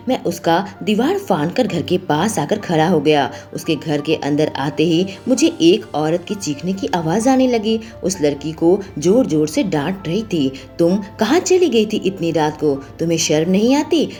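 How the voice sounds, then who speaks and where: Low, mellow woman telling a story. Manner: reads a male narrator's part and all quoted voices in her own voice. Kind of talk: first-person story narration.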